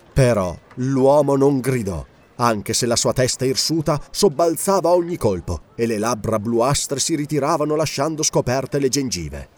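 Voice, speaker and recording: Expressive male audiobook narrator. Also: medium pitch. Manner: expressive, grave storytelling.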